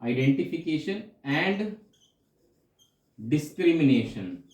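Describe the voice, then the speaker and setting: A man's voice: a little high, very animated, very slow, a little mellow, echoey room. A male teacher giving an explanatory exam-prep lecture, going over each point again and checking in with his students. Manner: explanatory, repeats points with frequent check-ins.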